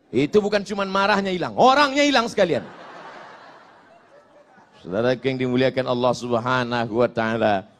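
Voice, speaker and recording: A middle-aged man from Indonesia preaching a humorous Islamic sermon, telling jokey stories, acting out little exchanges and chanting Arabic verses. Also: mid-range voice.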